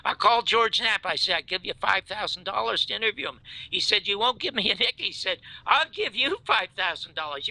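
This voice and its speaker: A man's voice: gravelly, dry recording, rough recording. An older man hosting a talk show, telling a story with emphatic outrage and acting out the quoted dialogue. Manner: emphatic, acts out quoted dialogue, swings from loud outrage to low hush. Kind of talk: animated storytelling in conversation.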